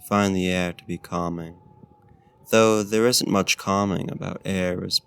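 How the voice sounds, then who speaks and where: A man performs a slow, intimate ASMR roleplay as a courtly male vampire host, his voice low and gravelly with a steady tone and measured pace. Heavily acted, he is smooth, seductive, and gently menacing, using formal, archaic, courteous phrasing that is very polite and flirtatious, in a coaxing yet faintly menacing mood.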